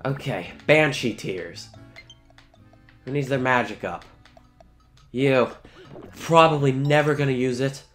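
A man's voice: mid-range voice, takes it slowly, pauses often, fairly bright tone. A man giving casual, sweary video game commentary, talking to the characters as he plays. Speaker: let's play host. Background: game music.

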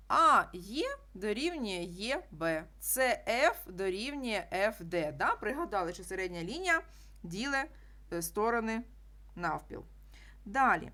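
A woman's voice: fairly high pitch, fairly bright tone. A woman teacher explaining a geometry problem step by step, repeating key statements. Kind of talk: classroom math lesson.

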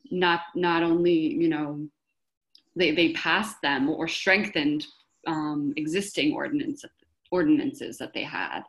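A woman on a panel giving a measured, explanatory answer over a video call, often pausing mid-phrase. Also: low voice. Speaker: panelist for an environmental group.

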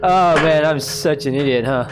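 A man's voice: fairly high pitch, normal speed. A man streaming a game live, chatting and mocking himself, with sudden screams and laughs. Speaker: gaming streamer. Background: game music.

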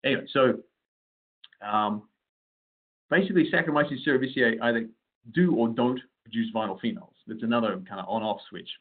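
A man's voice: medium pitch, a little fast. A man giving a casual webinar lecture on winemaking yeasts, loose and conversational, with frequent fillers and restarts. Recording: tinny phone-like audio.

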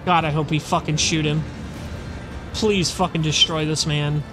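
A man's voice: fairly high pitch, level tone, a little slow, music in the background. A man reading game dialogue aloud and commenting in a casual, sweary, reactive way as a let's play streamer. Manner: informal, reactive.

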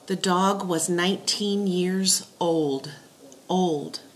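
Slow-paced woman dictating a spelling test. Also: medium pitch. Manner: deliberate, with isolated words and repeats. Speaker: teacher giving a spelling test.

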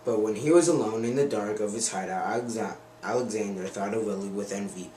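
Brief: man reading a children's picture book aloud, earnest and stumbling a little; lowish voice, distant and roomy camcorder sound. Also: a little fast, dark tone. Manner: earnest read-aloud with slips and self-corrections. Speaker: reader. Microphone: handheld camcorder mic. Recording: roomy, distant camera mic, faint noise.

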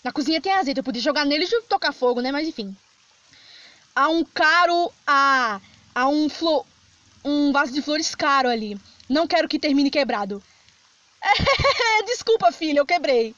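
A woman with a Brazilian Portuguese accent doing Let's Play commentary, chatty, reading game text aloud and reacting with quick jumps of fright. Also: high voice, animated, fairly bright tone, dry recording. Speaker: gaming streamer. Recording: slightly dull lo-fi sound with game music.

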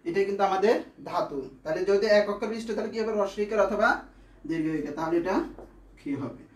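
A man's voice: high voice, quick pace, darkish tone, reverberant. A man teaching grammar, explaining step by step and answering his own questions. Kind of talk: classroom lesson.

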